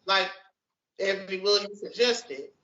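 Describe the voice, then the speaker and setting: Unhurried and conversational, this podcast co-host in her forties speaks frankly, repeating words as she works through her thoughts. Her medium-pitched voice sounds pushed and bright, and the casual discussion is recorded as lo-fi audio in an echoey room.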